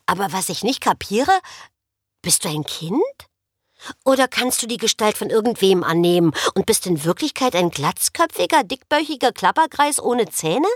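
A woman voicing a cheeky, talkative young girl in an audiobook, with bright, excitable speech. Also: mid-range voice, normal speed, dry recording, clean studio sound. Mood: chatty. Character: chatty, cheeky human girl, bubbly and outspoken. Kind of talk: audiobook character voice.

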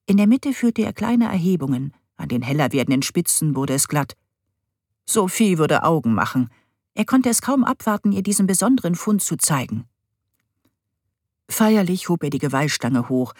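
A woman's voice: fairly low pitch, big pitch swings, normal speed, a little mellow, dry recording, studio quality. Woman reading a story expressively.

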